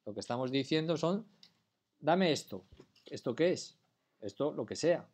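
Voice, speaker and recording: A man from lectures a class at an ordinary, mid-range pitch. He explains step by step and keeps pausing to ask whether everyone has understood. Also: animated, a little mellow. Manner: patient, keeps checking understanding with questions. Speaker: teacher.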